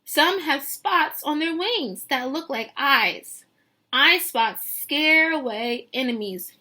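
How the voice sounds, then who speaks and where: With a high voice and a slow delivery, a teacher reads a picture book to young children in a lively, animated way, often turning to ask them questions.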